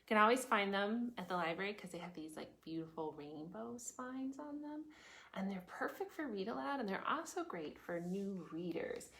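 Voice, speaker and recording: Here a woman with a mid-range, fairly bright voice sounds animated, speaking at a moderate pace with some vocal fry. She's running a preschool storytime, reading to young children and chatting expressively, asking them many questions as she explains things. The room is echoey and there's noise in the background.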